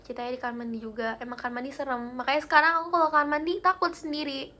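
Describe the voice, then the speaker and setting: A woman's voice: sits high, fairly even intonation, very fast, pushed and bright. A young woman hosting a live stream, chatting casually with viewers and telling spooky stories in a giggly way. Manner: chatty and giggly, reads comments aloud.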